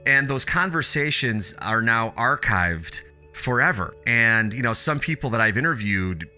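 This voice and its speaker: A man's voice: medium pitch, expressive, unhurried, sharp tone, faint music behind. A man speaking as an interview guest, reflective and earnest, repeating phrases for emphasis in a conversational way. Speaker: podcast guest, teacher and radio show host.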